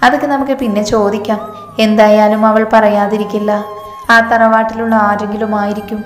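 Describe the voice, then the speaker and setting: A woman voicing a calm, caring young husband, speaking in a gentle, reassuring way. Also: mid-range voice, fairly quick, close to an everyday voice. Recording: echoey reverberant room, faint music.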